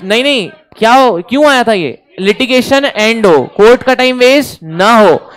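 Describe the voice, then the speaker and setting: Lively Indian male teacher, smooth voice. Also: very high-pitched, normal speed. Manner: lively, repeats key points and quizzes students; jokes with the class. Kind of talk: exam revision lecture.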